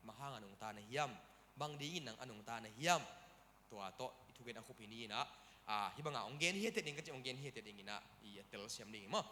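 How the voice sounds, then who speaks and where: A male pastor preaching a lively sermon, calling out hallelujah as he speaks. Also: mid-range voice, fast, in a large hall, a little hiss or hum. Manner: animated preaching with frequent hallelujahs.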